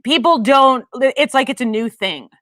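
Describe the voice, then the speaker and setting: A woman's voice: high-pitched, lively intonation, normal speed, a bit bright, no room sound, clean studio sound. A woman co-hosting a casual podcast chat, talkative and exasperated, filling her talk with "like". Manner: chatty, lots of "like" fillers, exasperated. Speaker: podcast co-host.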